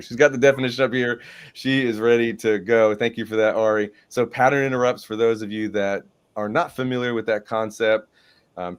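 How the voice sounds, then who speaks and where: A man hosting a sales training talk, enthusiastic and emphatic, often checking in with "right?". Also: medium pitch. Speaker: podcast host. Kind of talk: business training discussion.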